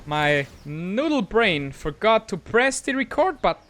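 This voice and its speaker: Excitable high-voiced man commentating a card game. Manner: excitable, quick, self-mocking. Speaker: gaming channel host. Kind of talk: gameplay commentary.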